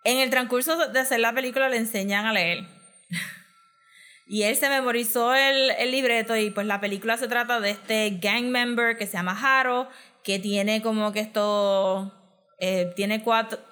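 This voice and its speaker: A woman's voice: fairly high pitch, fairly even intonation, moderate pace, bright, forceful tone, smooth. A woman recapping a film in casual chat, mixing in English words, with lots of fillers and laughs.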